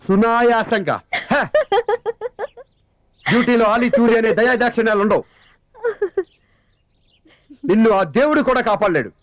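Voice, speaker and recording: Cocky young lawyer husband, high-pitched, dry sound, faint music behind; threatening and huffy. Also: male voice, normal speed, long pauses, no room sound. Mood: blustering. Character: blustering young lawyer husband, boastful and prickly. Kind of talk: film dialogue.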